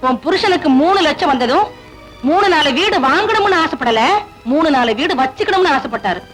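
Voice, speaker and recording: A woman's voice: high voice, animated, fairly quick, low-quality recording. A scheming, scolding mother. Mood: harsh. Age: middle-aged. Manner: harsh, scolding. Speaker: mother-in-law. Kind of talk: 1980s Tamil film acting. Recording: film soundtrack with music behind.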